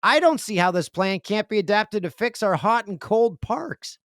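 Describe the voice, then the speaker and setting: A podcast host with a high voice talks at a moderate pace, telling jokey, rambling stories and reading listener emails in casual, animated chat. He's recorded dry and at studio quality on a podcast mic, indoors in a room with a video setup.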